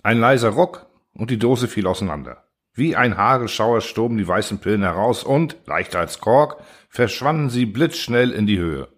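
A man narrating a story in a measured, dramatic storytelling manner. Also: on the low side, lively intonation.

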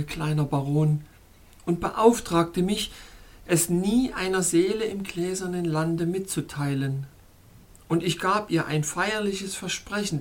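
Woman, storybook narrator, calm measured reading, low voice, husky.

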